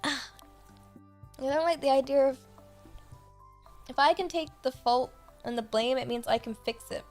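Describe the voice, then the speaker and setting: A British woman hosts a casual VTuber livestream, chatting in a cute anime-streamer style and playfully reading out and thanking her supporters. Her voice is high, her pace moderate, with long pauses, and music plays in the background.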